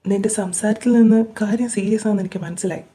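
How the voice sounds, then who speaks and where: A woman voicing a caring, protective young man who is an older brother, in an audio drama, speaking in a gentle but insistent, coaxing way. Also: medium pitch, fairly even intonation, fast, lightly acted. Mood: coaxing concern. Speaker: voice actor in fan audio drama.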